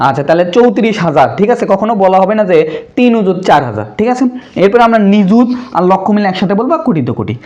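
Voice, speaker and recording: A man's voice: high voice, big pitch swings, darkish tone, dull audio. A young man teaching a primary school math lesson, asking the pupils questions and answering them himself in a casual, brotherly way. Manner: slows to spell out numbers.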